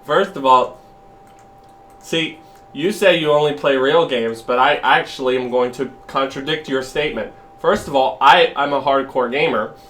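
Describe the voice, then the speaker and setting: A man's voice: mid-range voice, normal speed, fairly bright tone, slight background noise. A man streaming, arguing casually and emphatically with a friend and swearing freely.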